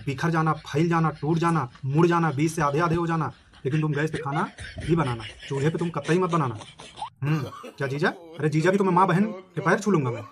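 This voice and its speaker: Fast-talking young man, brash phone banter. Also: sits high, a bit bright. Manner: brash boasting that turns sheepish and backpedaling. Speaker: comedian playing a brother on the phone. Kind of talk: comic one-sided phone call.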